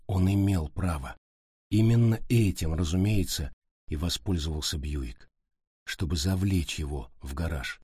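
A man narrating a horror story in an even, unhurried way. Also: deep voice, breathy edge, no room sound, studio quality. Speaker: audiobook narrator.

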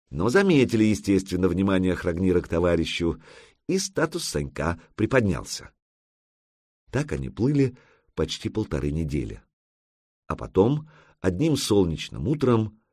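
A male audiobook narrator with a very low, husky voice. His telling is expressive, rising and falling widely in pitch. The recording is close and dry. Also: no echo. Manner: expressive storytelling with lively intonation.

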